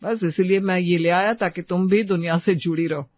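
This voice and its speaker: Caring husband for a cartoon moral story, gentle and coaxing, played by a man. Dry, slightly muffled recording. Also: sits high, steady tone, normal speed, dry recording, lightly acted.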